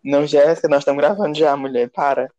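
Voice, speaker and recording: A man's voice: on the high side, steady tone, quick pace, dark tone, highs cut off. A man hosting a casual podcast chat, teasing and prodding his co-host.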